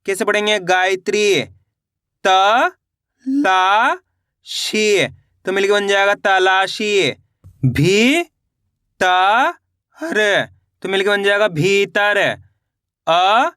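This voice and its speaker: A man with a high, bright voice sounds out words syllable by syllable, stopping to quiz the viewer. His voice is smooth and clear, recorded close and dry with no room sound. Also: no echo. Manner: slow syllable-by-syllable, repeats questions to viewers. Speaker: Hindi reading teacher. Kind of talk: spelling-out reading lesson.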